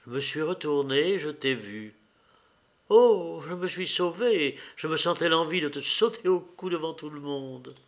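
A man's voice: fairly high pitch, lively intonation, a little slow. A man raising his voice to play an ecstatic young woman in love. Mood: tender. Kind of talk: audiobook character reading.

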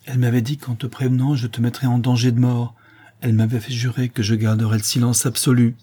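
A man's voice: mid-range voice, flat delivery, fast talker, mellow, husky, voice pushed up, close to an everyday voice. A man voicing a frightened, tearful old woman nurse in an audiobook, pleading and stammering. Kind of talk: audiobook character reading.

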